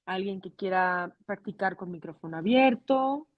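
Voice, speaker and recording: A woman's voice: medium pitch, animated, moderate pace, no room sound, narrow, tinny audio. A woman teaching English to adult learners in a video-call class, mixing English and Spanish and checking in with "okay?".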